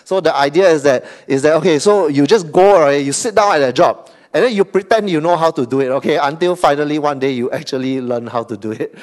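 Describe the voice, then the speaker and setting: A Singaporean pastor preaches a sermon in an animated way, his voice on the high side and his pace brisk. He often caps his lines with "okay?" and "right?", swinging from loud emphasis to soft asides.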